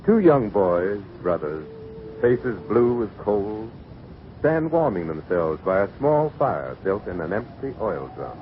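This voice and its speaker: A man's voice: fairly low pitch, big pitch swings, slow pace. A man narrating an old radio drama in a dramatic scripted style. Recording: muffled, noisy old radio recording.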